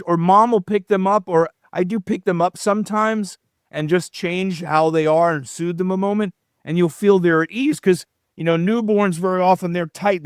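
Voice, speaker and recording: Middle-aged male guest, lively explainer, clear smooth voice, fairly high for a man, dry close sound. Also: no echo. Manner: animated, explanatory, demonstrative. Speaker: chiropractor guest. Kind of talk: podcast interview answers.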